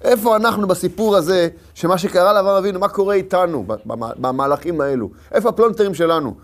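A man delivers a Torah lesson in a high, gravelly voice. He tells the story through rhetorical questions and returns to the same phrases again and again. His delivery is that of a teacher working through a sermon.

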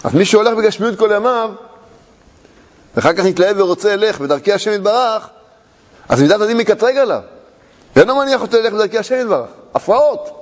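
High-voiced preacher with playful repetition. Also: male voice, expressive, long pauses, big-room sound. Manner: rhetorical questions, playful repetition and wordplay. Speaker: rabbi teaching a class. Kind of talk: religious lesson, sermon.

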